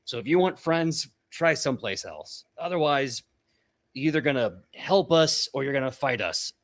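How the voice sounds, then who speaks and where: A blunt, confrontational orc warrior woman, put on by a man, brusque and quick to threaten. The voice swings up and down as she challenges strangers. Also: mid-range voice, expressive, natural voice. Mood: curt. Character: huge, short-tempered female orc warrior leader.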